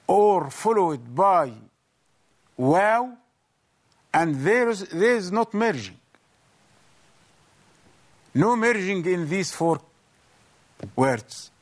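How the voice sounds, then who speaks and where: Man, high voice, slow and careful, tajweed teacher, repeats every point. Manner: slow, explains each point twice, once in English and once in Arabic. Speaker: Quran recitation teacher. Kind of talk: bilingual tajweed lesson.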